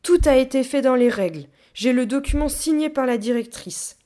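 A woman voicing a short-tempered, book-loving female gorilla who shouts indignantly in an audiobook. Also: sits high, moderate pace, voice pushed up, natural voice. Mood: angry. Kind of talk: audiobook reading.

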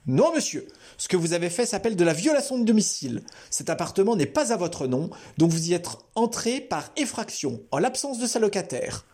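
A man's voice: high-pitched, big pitch swings, a little fast, darkish tone, voice pushed up. A man reading aloud and voicing an older man who stands his ground curtly and firmly. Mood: stern. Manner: curt, firm. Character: older man standing firm, curt and stern.

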